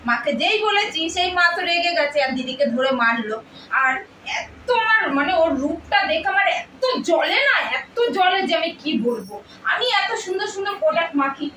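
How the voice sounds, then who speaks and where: A young woman plays a spoiled younger daughter, whiny and scheming, with a very high, bright voice. She sounds far from the mic in a room with echo. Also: heavily acted. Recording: roomy room, mic far off, faint noise.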